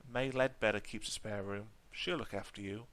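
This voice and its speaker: A man's voice: on the low side, steady tone, normal speed, fairly bright tone, close to an everyday voice. A man voicing a grumbling old male coach driver who talks in a plain, rustic way.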